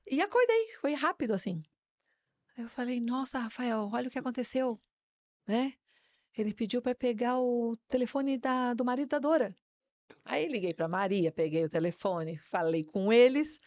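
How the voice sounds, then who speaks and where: A woman pastor telling her personal faith testimony as a guest, a lively storyteller who often ends phrases with a tag question. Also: a little high, normal speed, no room sound, muffled recording.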